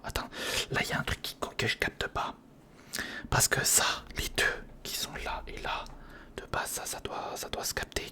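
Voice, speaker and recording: Working with their hands, an ASMR creator offers casual commentary in a breathy, unvoiced whisper, repeating short phrases in informal slang. The mic, a close-up studio condenser or handheld recorder, sits right by them.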